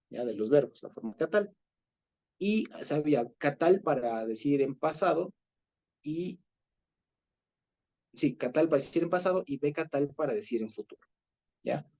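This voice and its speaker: A man leading an informal Bible study, explaining patiently, checking in with his listeners and pausing on fillers as he searches for words. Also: a little high, mellow. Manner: explanatory, often checks in with a questioning "ya?"; hesitant, with fillers and restarts.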